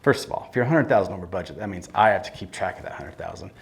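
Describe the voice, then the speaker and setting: A man's voice: low voice, expressive, very fast, vocal fry. Blunt, plain-spoken middle-aged man. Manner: blunt, plain-spoken, restarts mid-sentence. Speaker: construction company owner, guest. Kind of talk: live interview on stage. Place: event room with audience.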